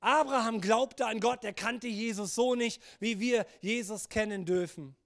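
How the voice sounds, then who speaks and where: A pastor delivers his sermon in a notably high voice for a man. He speaks earnestly and urges his listeners on, sinking low and quiet whenever he gives God's words. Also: a little slow. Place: church service.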